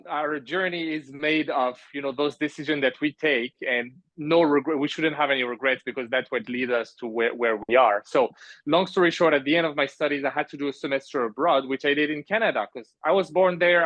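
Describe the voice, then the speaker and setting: A man's voice: a little high, fairly even intonation, fairly quick, fairly bright tone, no room sound. A man in his thirties from France, a podcast guest talking casually about his life, rambling with many fillers and restarts and laughing often. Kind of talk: casual conversational interview. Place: remote call from an island at night.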